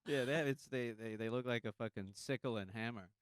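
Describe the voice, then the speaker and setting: A man's voice: mid-range voice, fairly quick, clear, resonant tone, no room sound, clean studio sound. A man in his thirties from the former Soviet Union, guesting on a podcast, talking bluntly and crudely with frequent stammers. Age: 30s. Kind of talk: casual podcast banter. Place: basement podcast studio.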